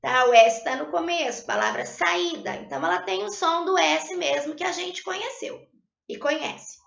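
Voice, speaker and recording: A woman teacher with a high, bright voice and a gravelly edge, patiently walking students through spelling rules. She sounds out syllables slowly and clearly. The recording is lo-fi, with a roomy echo. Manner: patient, tags sentences with "tá?". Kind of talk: recorded Portuguese spelling lesson. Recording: lo-fi echoey room.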